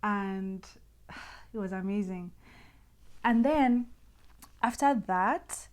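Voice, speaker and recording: A woman hosting her own podcast, telling personal stories in a lively, nostalgic way with many restarts. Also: medium pitch, very slow. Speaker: podcast host. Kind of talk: personal storytelling monologue.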